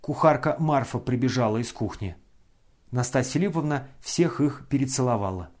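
Man narrating a classic novel. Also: medium pitch. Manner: measured, expressive storytelling. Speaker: audiobook narrator.

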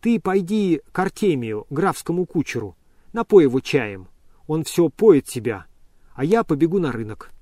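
Quick-witted maid, put on by a male reader, brisk and practical, dry sound. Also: on the high side, big pitch swings, a little mellow, no echo. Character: quick-witted woman servant, shrewd.

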